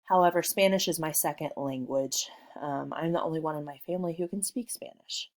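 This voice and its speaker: A woman from Missouri with a notably low voice teaches a lesson she recorded while working from home. She's friendly and relaxed, explaining things to her students unhurriedly with frequent ums.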